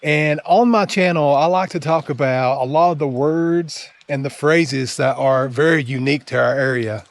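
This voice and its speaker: Higher-voiced man with an Appalachian accent. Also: moderate pace, dry recording. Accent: Appalachian, eastern Kentucky. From eastern Kentucky, Appalachian Mountains. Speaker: channel host. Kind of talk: casual explainer talking to camera.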